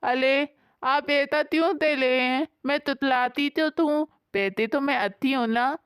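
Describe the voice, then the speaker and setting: A woman's voice: sits high, measured pace, a bit bright, no room sound, studio quality, voice pushed up. A woman voicing a sweet, naive young wife who talks with a childlike lisp, turning her r and k sounds into l and t. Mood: pleading. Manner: babyish, earnest. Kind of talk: storybook voice acting.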